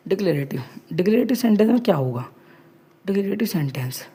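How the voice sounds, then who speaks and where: A woman teacher giving an online class to children. She explains each point twice, keeps saying "okay", and reads example sentences slowly. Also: medium pitch, expressive, mellow, slightly rough.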